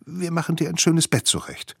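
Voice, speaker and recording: A man voicing a mother breaking news gently to her sons, coaxing and soft. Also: a little high, sing-song, normal speed, vocal fry, husky, no room sound, clean studio sound, voice pushed up, heavily acted. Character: warm firm mother speaking to her sons.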